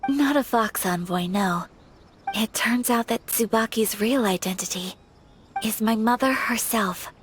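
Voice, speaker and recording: A young woman voicing a gentle, refined noblewoman in a game, speaking softly, formally and politely. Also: a little high, measured pace, lightly acted. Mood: calm. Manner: soft-spoken, formal and polite. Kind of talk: game voice acting. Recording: faint game music behind.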